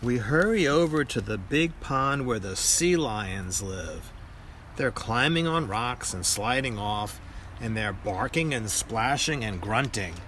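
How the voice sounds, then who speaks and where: An older man with a grandpa voice reads a children's picture book aloud in a deliberate storytelling manner. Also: medium pitch, lively intonation, a bit bright, slight background noise.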